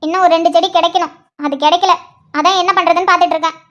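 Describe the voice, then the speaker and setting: This is a snappy, fed-up young woman in a cartoon with a very high voice, as a woman plays her. She sounds exasperated and short. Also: steady tone, racing, bright, forceful tone. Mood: irritated. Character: irritated young woman, a student.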